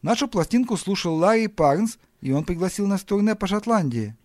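A man's voice: sits high, brisk, no echo, studio quality, pitched above the performer's own voice. A man reading the part of an eager, persuasive young musician in an audiobook. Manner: excited, persuasive.

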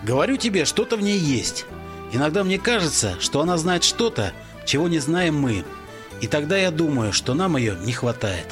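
A boisterous, half-drunk young rocker, as a male narrator plays him, loud and cocky with a lively, swinging lilt. The voice sits a little high, and music plays behind the audiobook reading. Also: normal speed. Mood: defiant. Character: tipsy brash young male rock musician.

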